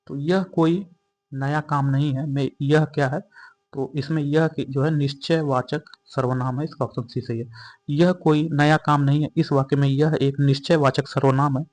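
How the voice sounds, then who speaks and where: Young male tutor, flat even delivery, repeats each answer methodically. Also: medium pitch. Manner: steady, repetitive explanations, restating each answer. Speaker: exam-prep teacher. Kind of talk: explaining exam questions and answers.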